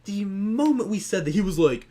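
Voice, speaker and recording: A man's voice: high voice, animated, normal speed, mellow. A young man and gaming YouTuber, ranting in a rambling, exasperated way about an online match. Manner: rambling and exasperated, with frequent restarts and swearing. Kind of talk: casual gaming rant to camera.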